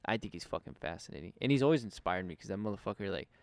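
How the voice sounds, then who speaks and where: A man's voice: on the low side, animated, very fast, smooth, no room sound. A young man co-hosting a casual podcast chat, loose and profane with lots of slang. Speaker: podcast co-host.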